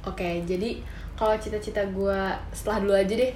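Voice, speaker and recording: A young woman chatting casually with friends, agreeable and quick to affirm what others say. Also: mid-range voice, fairly even intonation, darkish tone, reverberant, slight background noise. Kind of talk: casual group chat.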